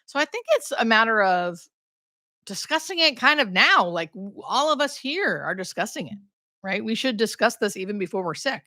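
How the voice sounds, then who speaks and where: A woman's voice: on the high side, very animated, normal speed, sharp tone, no echo, studio quality. A woman talking candidly and conversationally as a hospice nurse hosting a casual livestream, thinking aloud as she answers questions.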